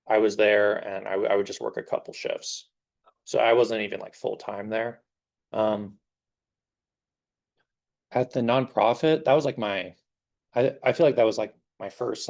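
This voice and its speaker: A young man in his twenties, a guest security engineer, talks informally to a class in a classroom. His voice sits on the low side and is a little mellow. He rambles with lots of fillers, and his voice is slightly giving out.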